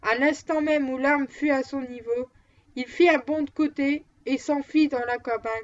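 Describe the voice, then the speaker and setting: A woman narrating a novel aloud as an audiobook, in an even, measured manner, on a dull lo-fi recording. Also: high-pitched. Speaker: audiobook reader.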